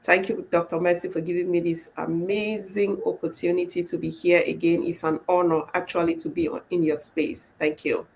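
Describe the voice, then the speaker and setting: A woman guesting on a podcast, hoarse from a cold, chatting in a relaxed way. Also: lowish voice, moderate pace, hardly any pauses, slight background noise, low-quality recording. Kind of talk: casual chat.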